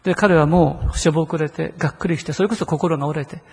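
A man's voice: a little high, fairly even intonation, quick pace, creaky, a little mellow, breathy edge, long reverb tail. A man preaching a sermon in a conversational way, often asking the listeners rhetorical questions. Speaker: pastor.

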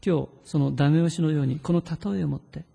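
A man preaching a sermon as pastor, earnest and pleading, sometimes leading a slow prayer read aloud. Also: on the high side, vocal fry, warm tone, breathy edge, in a large hall.

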